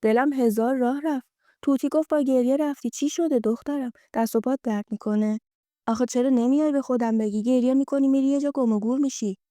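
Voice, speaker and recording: A fretful aunt fusses over a girl in an anxious, tender scolding, as a woman narrator puts her on. The voice is smooth and mellow and sits a little high, recorded close and dry. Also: no echo, close to an everyday voice. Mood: worried. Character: worried, loving aunt fussing over a girl.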